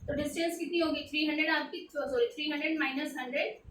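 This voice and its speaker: A high-voiced woman walks through a physics problem, posing questions and answering them herself, with English terms mixed into her Hindi. She sits back from the mic in an echoey room, with faint noise behind her. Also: steady tone, fast, a bit bright, recorded from a distance. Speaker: tutor. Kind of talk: explaining a textbook physics problem.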